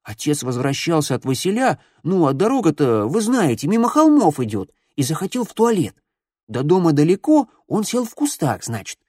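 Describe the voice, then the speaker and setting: A man voicing an excitable young village boy who eagerly tells a spooky rumor in a raised, lively voice. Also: normal speed, no room sound, clean studio sound. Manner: eager, breathless storytelling, high and lively.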